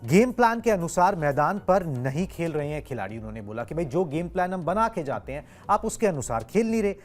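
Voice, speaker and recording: A man's voice: a little high, big pitch swings, a little fast, faint music behind. A man hosting a cricket news discussion, explaining in a chatty way with idioms and fillers. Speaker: sports show host.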